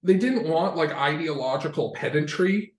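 A man's voice: a little high, lively intonation, normal speed, echoey room. A man from Massachusetts co-hosting a podcast in a casual, discursive explaining style, with wry asides and swearing. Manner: discursive, self-correcting, with wry asides and profanity. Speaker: podcast co-host.

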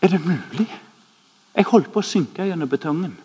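A man preaching a sermon, telling stories animatedly, acting out the people in them, and dropping to a hushed voice at times. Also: on the high side, husky. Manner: animated, acts out quoted voices, drops to hushed tones. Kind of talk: sermon with storytelling. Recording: echoey hall, long reverb.

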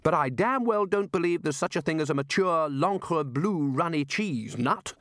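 A man's voice: lively intonation, moderate pace, a bit bright, dry recording, studio quality. A man doing a roaring, bluff old wizard chief. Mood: incredulous. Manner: roaring, booming. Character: blustering hearty male Archchancellor wizard, loud.

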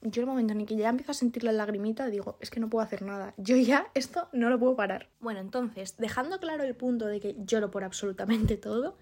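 A young woman from chats in a loose, confessional monologue. She is self-deprecating and laughs often, filling pauses with little hesitations as she talks through her thoughts. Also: on the high side, darkish tone. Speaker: podcast host.

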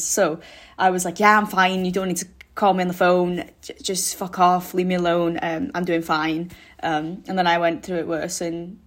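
Young woman, lowish voice, solo podcast host, rambly, candid, sweary, self-deprecating. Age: young adult. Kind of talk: casual solo podcast chat.

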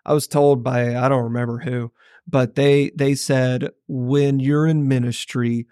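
A man, a pastor co-hosting a church podcast, telling stories in a wry, lively, casual way. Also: medium pitch, measured pace, no echo, studio quality. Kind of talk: casual conversation.

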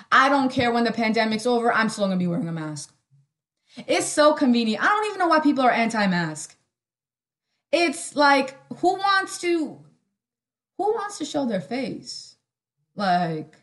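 A young woman hosting a solo podcast in casual chat, sarcastic and rambling, full of "like" and quick asides. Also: on the high side. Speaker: podcast host.

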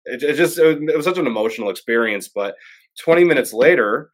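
A man's voice: medium pitch, lively intonation, fast talker, heavy background noise. A man, a filmmaker guest, telling a story in casual chat and acting out his own quotes.

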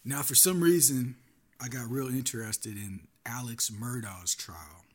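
A man's voice: medium pitch, measured pace, breathy edge. A man hosting his own podcast, giving earnest solo commentary with a warning tone. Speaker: podcast host.

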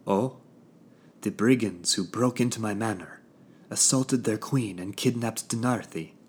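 A man voicing a calm, commanding queen who talks with a casual, airy ease, as if in complete control. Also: on the low side, measured pace, slightly rough, voice pushed up. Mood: mocking.

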